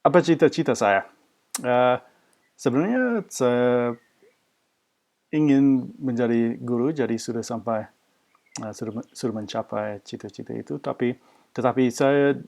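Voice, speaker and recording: A man's voice: mid-range voice, a little slow, creaky, pauses often, darkish tone. An Australian man, a native English speaker, talking about himself as a foreigner in a learned language, with an Australian accent and hesitant searching for words. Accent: Australian-accented Indonesian. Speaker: language teacher. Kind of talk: unscripted personal talk, like an oral interview answer.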